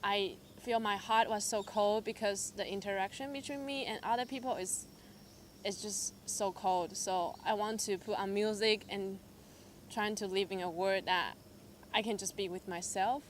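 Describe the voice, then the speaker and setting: Speaking at a moderate pace in a mid-range voice, a young Taiwanese woman gives her personal testimony at church. She hesitates often, leans on fillers, and brightens the tale with animated quoted asides, while faint hiss or hum runs underneath.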